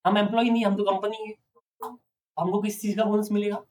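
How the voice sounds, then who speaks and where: A man's voice: high voice, little pitch movement, fairly quick, a little mellow. Distant male teacher quizzing a class. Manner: asks students frequent check questions. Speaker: accounting teacher. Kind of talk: classroom lecture.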